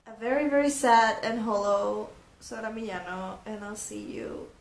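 A woman's voice: medium pitch, moderate pace, vocal fry, reverberant, rough recording. A woman in her twenties giving casual, emotional reaction commentary with lots of exclamations. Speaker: reaction video host. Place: small bedroom, indoors.

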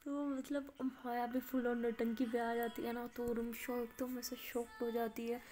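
A woman's voice: fairly high pitch, flat delivery, unhurried, dark tone. A young adult woman telling a story in a chatty, casual way, full of fillers.

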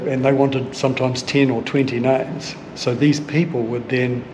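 Earnest New Zealand man explaining slowly. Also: mid-range voice, flat delivery, noisy background. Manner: earnest, measured, with thoughtful pauses and fillers. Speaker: sailing vlogger recounting family history. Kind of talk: casual explanation on camera. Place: indoor archive room and museum hall. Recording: music bed underneath.

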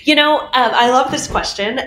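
A woman voice teacher answering interview questions in a casual, animated way, laughing often and poking fun at herself. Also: high-pitched, normal speed, slight background noise. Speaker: voice teacher guest.

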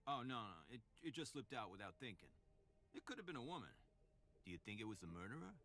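A man's voice: mid-range voice, big pitch swings, fast talker, a bit bright. A man voicing a chatty, nervous male police officer with a Boston accent in a video game. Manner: rambling, eager to please.

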